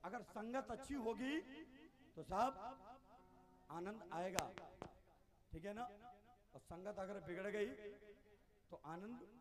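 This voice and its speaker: A man's voice: sits high, slow pace, pauses often. A man from Uttar Pradesh, a devotional singer and stage host, narrating comic skits theatrically and calling out to the crowd as devotees. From Uttar Pradesh, India. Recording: live music played behind.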